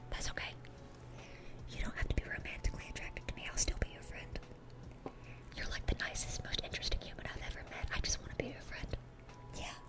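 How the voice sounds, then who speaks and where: In her natural voice, a woman whispers through an ASMR roleplay as a dorky, eager young demon. She rambles sweetly and often repeats her words.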